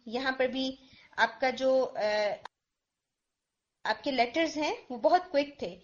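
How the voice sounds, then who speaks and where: A woman teaches Quran recitation in an online lesson, pausing to slowly model each word. Her voice sits a little high. The call audio is muffled and lo-fi. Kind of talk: online tajweed correction lesson.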